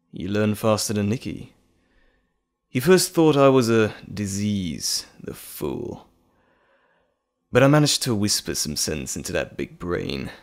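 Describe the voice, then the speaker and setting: Man acting slow, menacing, teasing Mr. Hyde. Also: lowish voice, creaky, heavily acted. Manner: theatrical, mocking, drawling with dramatic pauses. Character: menacing, teasing monstrous male alter ego, Mr. Hyde. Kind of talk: dramatic audio roleplay addressed to the listener.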